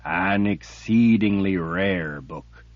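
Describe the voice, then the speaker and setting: A man voicing a cruel, patient male emperor villain who speaks in a cold, deliberate, menacing way. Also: low voice, dry recording. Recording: dull lo-fi recording.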